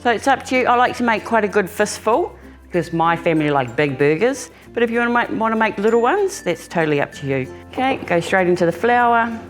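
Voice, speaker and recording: A woman with a New Zealand accent hosts a home cooking demonstration, chatting casually with viewers as though they were family. Her mid-range voice is animated and fairly quick, with faint music in the background.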